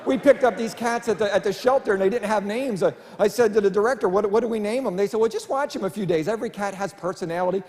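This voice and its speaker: High-voiced man telling stand-up stories. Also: quick pace, hardly any pauses, darkish tone. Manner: chatty storytelling with self-deprecating punchlines. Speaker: stand-up comedian. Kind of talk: family-friendly stand-up comedy. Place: church stage before a live audience. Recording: live hall with long reverb and faint room noise.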